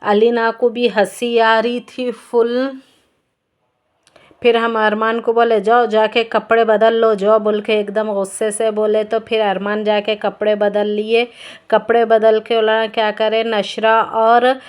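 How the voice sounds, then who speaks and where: A woman's voice: fairly high pitch, flat delivery, slow pace. A woman, a mother narrating a family vlog in a rambling, repetitive way. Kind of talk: casual vlog voice-over.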